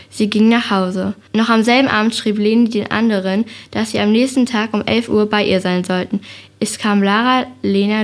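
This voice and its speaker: A woman reading a children's detective story aloud in a calm, clear way. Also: mid-range voice.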